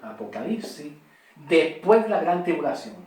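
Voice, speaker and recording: A tired man teaching a Bible study, slowly repeating key words and checking in with "ok?" as he goes. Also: a little high, very animated, darkish tone, echoey room, recorded from a distance.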